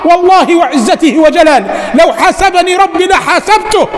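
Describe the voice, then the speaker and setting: A man preacher voicing a simple, bold Bedouin man who speaks in an excited, insistent, half-shouting way, in an echoey mosque hall. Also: very high-pitched, fairly quick, pitched above the performer's own voice. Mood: defiant, pleading.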